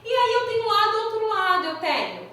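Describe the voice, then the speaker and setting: A Brazilian woman teaching a class, explaining patiently and drilling pronunciation slowly. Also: very high-pitched, big pitch swings, bright, forceful tone, slight background noise. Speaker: Spanish teacher. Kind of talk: recorded online class. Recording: very echoey room, mic at a distance.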